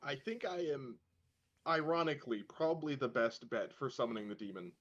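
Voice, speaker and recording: A man's voice: mid-range voice, lively intonation, brisk. A man plays a tabletop game, weighing each plan cautiously as he talks it through. The recording is a little dull, as from a modest podcast mic. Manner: cautious, reasoning. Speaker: player. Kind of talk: casual tabletop game play.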